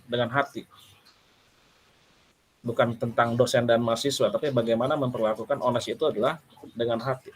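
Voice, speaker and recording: A man's voice: medium pitch, a bit bright. A male lecturer giving a casual, conversational lecture to his students. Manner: conversational, addresses students as friends.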